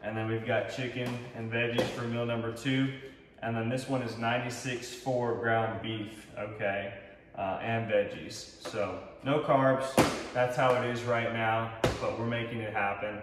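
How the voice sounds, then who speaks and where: This young fitness vlogger speaks unhurriedly at medium pitch with fairly even intonation and a Texan accent, upbeat and filler-heavy as he shows off his fitness gear in a large home kitchen. The far camera makes his voice distant and roomy, and the recording is very noisy.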